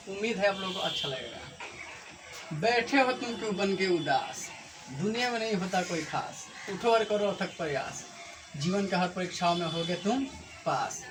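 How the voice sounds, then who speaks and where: A man teaching a coaching class, working through pronunciation rules one at a time and calling his students bhaiya. He often asks a question and then answers it himself. Clear background noise runs under the recording. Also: sits high. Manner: explains rules step by step, adds a short motivational rhyme. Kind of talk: classroom lesson.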